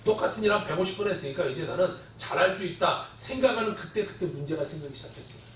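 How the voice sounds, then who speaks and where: A man's voice: sits high, fast, slight background noise. A male pastor preaching a Sunday sermon, telling a story and acting out the voices of the people in it. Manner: storytelling, quotes voices with dramatic swings in loudness. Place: church sanctuary. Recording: echoey church hall, distant mic.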